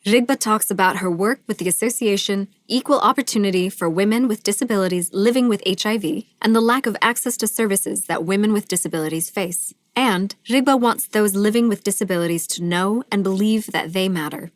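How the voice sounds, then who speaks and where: A woman hosting a podcast, giving smooth, even scripted introductions. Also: mid-range voice, a little fast, hardly any pauses, dry recording. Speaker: podcast host. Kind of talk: scripted narration. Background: faint music.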